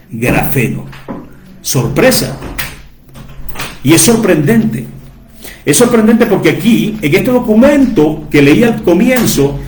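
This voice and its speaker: A man's voice: high-pitched, a little mellow, roomy sound. A man teaching from the Bible to his listeners, repeating key words and asking rhetorical questions for emphasis. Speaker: preacher.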